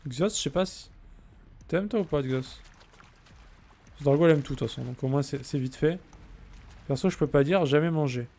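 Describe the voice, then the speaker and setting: Gravelly-voiced chatty man streaming a game. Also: fairly high pitch, moderate pace, long pauses, darkish tone. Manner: chatty, jokey, answers chat messages. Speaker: let's play streamer. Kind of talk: casual gameplay chat with viewers.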